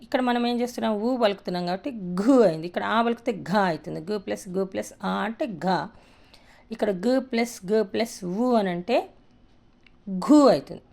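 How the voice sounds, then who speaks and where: Gravelly-voiced woman teaching letters slowly. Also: mid-range voice, darkish tone. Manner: patient, repeats sounds letter by letter. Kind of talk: spoken Telugu lesson on writing letters.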